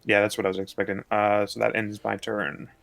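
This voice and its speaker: A man's voice: lowish voice, level tone, brisk, gravelly, a bit bright. A man chatting casually as a player in a tabletop game.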